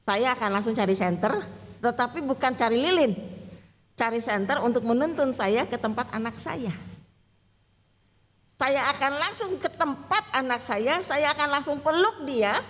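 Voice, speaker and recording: A woman pastor with a high, bright-pitched voice gives a chatty, conversational sermon from inside a church. She keeps asking the congregation questions and laughs easily. Her voice rings with a long reverberant hall echo. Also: lively intonation, moderate pace.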